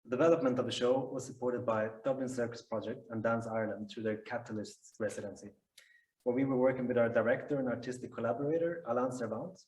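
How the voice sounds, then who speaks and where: A man, a circus performer reading out a prepared company pitch in a steady way. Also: fast. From Sweden. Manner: steady, read-aloud delivery. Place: arts centre stage before a live audience. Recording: echoey hall from far off.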